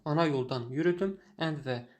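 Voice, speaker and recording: A man teaching English who reads a short story and translates it line by line, pausing often with filler sounds. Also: fairly high pitch, very noisy. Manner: halting, many filler sounds.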